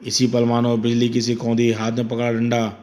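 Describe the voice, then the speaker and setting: A man's voice: mid-range voice, monotone, moderate pace, a little mellow. A man narrating a horror comic with dramatic emphasis.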